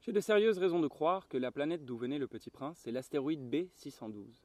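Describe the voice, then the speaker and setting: Male audiobook reader, mellow and unhurried, in a garden. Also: on the high side, no echo. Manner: calm, measured reading. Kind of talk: audiobook narration. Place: garden, outdoors.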